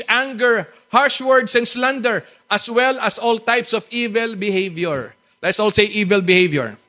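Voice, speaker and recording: Animated high-voiced Filipino preacher. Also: male voice. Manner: animated preaching, swinging from loud bursts to soft asides; asks the congregation questions and jokes with them. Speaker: pastor. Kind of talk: Tagalog sermon mixing in English.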